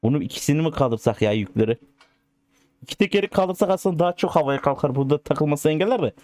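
Excitable young-sounding man narrating a driving game. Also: fairly high pitch, fast talker, no room sound. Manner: excitable, coaxing the cars like pets. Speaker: gaming channel host. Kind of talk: casual gameplay commentary.

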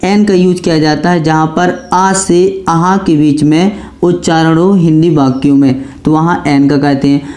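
Guy teaching grammar for exams, soft mellow voice, keeps asking "what comes here?" then answering it. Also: on the high side, fairly even intonation, unhurried, hardly any pauses. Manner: asks himself questions, then answers them; repeats key points over and over. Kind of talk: exam-prep grammar lesson.

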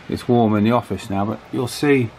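In a small indoor office workshop, a man with a lowish, darkish voice speaks at normal speed while giving a casual hands-on repair demonstration, thinking aloud with some hesitation. He is an electronics repair hobbyist presenter, and the wind noise from a table fan is clearly audible in the background.

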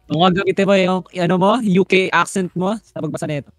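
A woman's voice: on the low side, steady tone, fast, dry recording, faint music behind. A Filipino woman hosting a gameplay stream, chatting playfully, laughing often and reading rules aloud. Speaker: gaming channel host. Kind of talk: casual gameplay chat.

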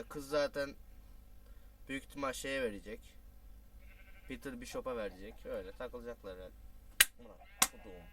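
A man's voice: medium pitch, gravelly, fairly bright tone, recorded from a distance. A man giving rambling, chatty let's-play commentary as a gaming video host, swearing now and then at the game's monsters.

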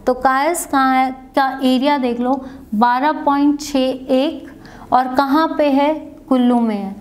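High-voiced woman teaching an exam class. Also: a little mellow. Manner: asks and answers her own questions. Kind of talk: exam-prep lecture.

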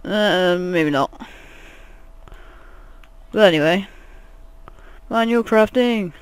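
A man's voice: high-pitched, extremely slow, smooth, dry recording. A man giving rambling, jokey let's play commentary, swearing often. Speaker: gaming channel host.

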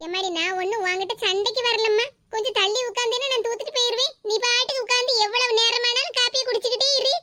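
A woman's voice: very high voice, steady tone, fast, few pauses, very noisy. A woman voicing a patient, hardworking young wife in a cartoon, with a Tirunelveli Tamil accent and a pleading, mildly scolding manner.

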